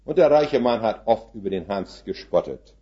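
Older man preaching with lively pitch. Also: moderate pace, highs cut off. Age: 70s. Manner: folksy, rhetorical questions to the congregation; drops English words into his German. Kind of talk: sermon with illustrative stories.

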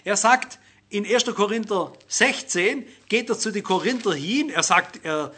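A man's voice: high-pitched, measured pace, sharp tone, slightly rough. A man preaching a sermon, earnest and speaking directly to his listeners. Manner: earnest, addresses listeners directly with rhetorical questions.

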